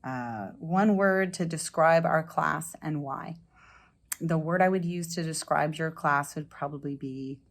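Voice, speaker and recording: A woman teacher answering interview questions sincerely and thoughtfully, with frequent pauses. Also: low voice, gravelly. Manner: thoughtful, sincere, many ums and uhs.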